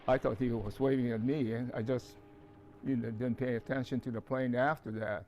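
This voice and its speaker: An older man from Hawaii giving an oral history, calm and measured with some hesitations. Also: mid-range voice, dull audio, slight background noise. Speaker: witness recalling childhood.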